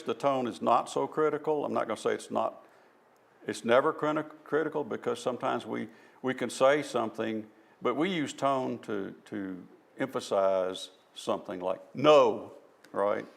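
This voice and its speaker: A man's voice: medium pitch, moderate pace, gravelly. A man with a Southern US accent giving an informal presentation at a church, explaining things step by step in a folksy, self-deprecating way. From American South. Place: church hall.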